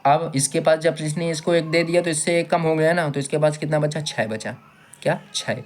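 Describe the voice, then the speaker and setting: In a steady, fairly high voice at normal speed, a man walks students through a maths lesson one step at a time. He patiently repeats each step and puts questions to the class.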